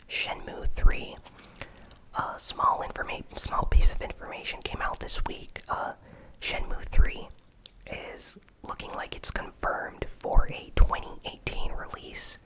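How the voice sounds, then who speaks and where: The host of a gaming news channel whispers an ASMR news recap in a breathy, unvoiced voice. The commentary is casual and informal, with unhurried, hesitant phrasing.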